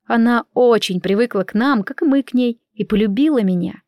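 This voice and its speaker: A woman narrating a first-person story in a calm, even storytelling manner. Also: fairly high pitch, fairly quick, no echo, clean studio sound. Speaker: audiobook narrator.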